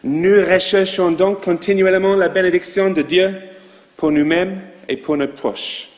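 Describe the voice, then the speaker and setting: A man with a non-native accent in French, a rabbi giving a sermon to his congregation in a slow, measured way with asides to the listeners. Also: high voice, fairly even intonation, big-room sound. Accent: foreign accent in French. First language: not French. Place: synagogue.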